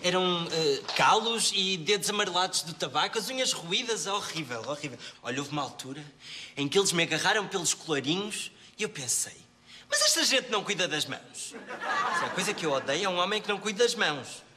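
An actor playing a vain, chatty young café worker with speech, telling stories in a gossipy, dramatic way. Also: male voice, sits high, animated, brisk, noisy background. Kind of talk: sitcom acting.

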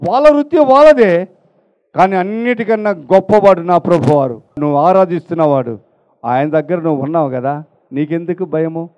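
A man preaching a sermon, firing rhetorical questions and swinging between loud emphasis and hushed asides, urging the congregation to applaud. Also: fairly high pitch, moderate pace, highs cut off.

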